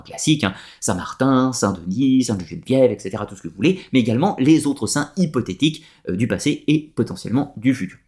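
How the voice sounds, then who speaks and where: Man, lecture-style presentation, very lively pitch, explanatory, hesitant fillers. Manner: structured, explanatory, with frequent hesitations.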